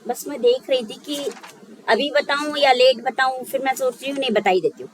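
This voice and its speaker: A woman's voice: high-pitched, fairly quick, a little hiss or hum, poor audio. A woman teaching a biology lesson for exam preparation, thinking aloud and checking in often with her students. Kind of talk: exam-prep lecture.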